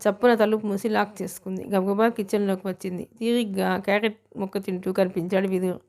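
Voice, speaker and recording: Woman audiobook narrator; even, steady storybook reading. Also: mid-range voice, quick pace.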